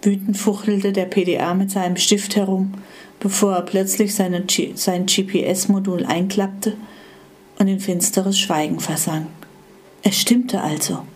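A woman reading a storybook aloud with calm, expressive narration. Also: mid-range voice, unhurried.

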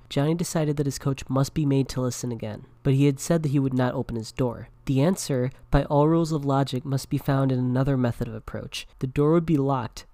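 A man's voice: mid-range voice, warm tone, no echo. A man hosting a podcast, narrating casually and reading a story aloud. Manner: casual and conversational. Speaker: podcast host.

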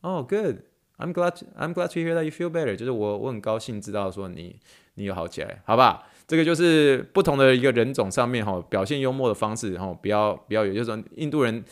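A man's voice: on the low side, fast talker. A man with a Taiwanese Mandarin accent, a physical therapist hosting a casual podcast lesson, chatty, repeating words, dropping English words into his talk and spelling them out letter by letter.

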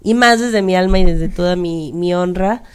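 A woman's voice: lowish voice, normal speed, smooth. A woman co-host with a Mexican Spanish accent, speaking reflectively and mocking voices with slang. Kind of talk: casual panel talk.

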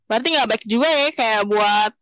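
Casting: young woman podcast co-host, Jakarta accent, slangy casual chat, fairly high voice, dry close sound. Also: moderate pace, fairly bright tone, no room sound. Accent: Jakarta Indonesian. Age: young adult.

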